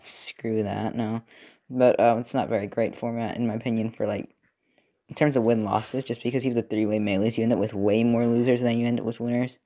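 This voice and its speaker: Young male creator, loose rambling voice-over, everyday mid pitch, frequent fillers and self-corrections. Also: darkish tone. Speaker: robot-building video creator. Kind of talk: casual commentary while working. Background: TV football game.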